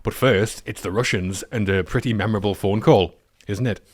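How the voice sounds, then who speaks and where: A man's voice: lowish voice, moderate pace, no room sound. A man hosting a film podcast, leading the talk and reading set-ups from his notes. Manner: leads the segments, reads from notes. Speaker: podcast host. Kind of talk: casual film discussion.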